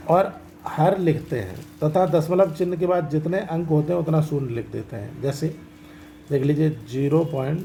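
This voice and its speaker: A man's voice: on the high side, dark tone, slight background noise, rough recording. A man teaching a maths lesson, explaining each step and often asking whether students have understood. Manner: explains step by step, asks checking questions. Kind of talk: classroom lesson explaining decimals.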